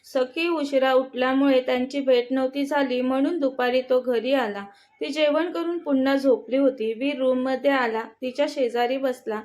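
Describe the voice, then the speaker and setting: Woman telling a love story, steady even narration, slightly high voice. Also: normal speed.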